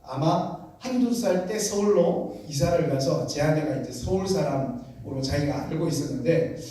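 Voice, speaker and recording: A man from the region preaching as a missionary pastor, telling a story in an animated way and acting out shouting family members. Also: fairly high pitch. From Gyeongsang region, Korea. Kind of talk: storytelling sermon. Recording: echoey hall, distant mic, faint noise.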